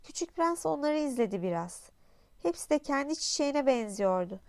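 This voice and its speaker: A woman narrating an audiobook in a calm, even storytelling manner. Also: high-pitched, moderate pace, no room sound.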